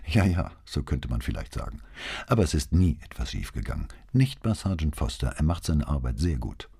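A man reading the lines of a young woman army doctor in an audiobook, softly and measured. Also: extremely low pitch, big pitch swings, creaky, breathy edge, exaggerated voice. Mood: earnest.

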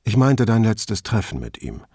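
A man's voice: on the low side, very animated, normal speed, gravelly, warm tone, slightly rough, dry recording, studio quality, full character voice. A man voicing a middle-aged male police commissioner who asks careful, concerned questions.

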